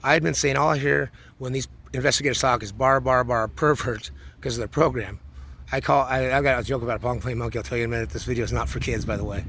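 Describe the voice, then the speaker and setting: A man's voice: medium pitch, fairly even intonation, quick pace, gravelly, fairly bright tone, slight background noise. A man in his forties talking through a rambling personal monologue, full of restarts and repeated words. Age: 40s. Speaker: vlogger.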